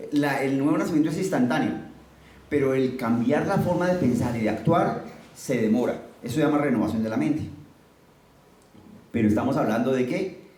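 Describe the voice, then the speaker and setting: A man's voice: medium pitch, a little mellow, echoey room, distant mic, poor audio. A man preaching a sermon, teaching conversationally and asking his listeners questions as he goes.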